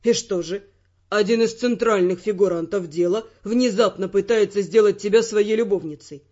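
A woman's voice: mid-range voice, moderate pace, warm tone, muffled recording, pitched below the performer's own voice, natural voice. A woman voicing a wry, persistent young male secret agent who argues his point evenly. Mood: reasoning.

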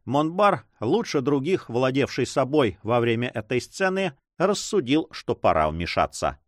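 A man narrating an adventure novel in an expressive, measured reading. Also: medium pitch, no echo, clean studio sound. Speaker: audiobook narrator. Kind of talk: scripted narration.

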